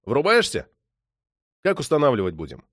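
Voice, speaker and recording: A man voicing a hot-tempered police detective who shouts, swears and threatens. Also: medium pitch, wildly swooping pitch, moderate pace, slightly rough, no echo, clean studio sound, heavily acted. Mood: agitated.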